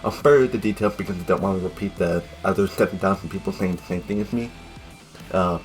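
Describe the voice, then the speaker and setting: Young male fan reviewer, low voice, rambling jokey delivery, faint music underneath. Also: quick pace. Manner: jokey, rambling, sudden loud outbursts. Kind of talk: casual video review narration.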